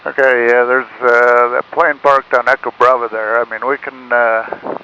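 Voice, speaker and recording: A man speaks as an airline pilot over the radio, his delivery very flat and his tone sharp and forward. He is matter-of-fact with some hesitation, through a narrow radio channel. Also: mid-range voice, normal speed. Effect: aircraft radio. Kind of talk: pilot talking over air traffic radio. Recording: band-limited aircraft radio with clicks, faint noise.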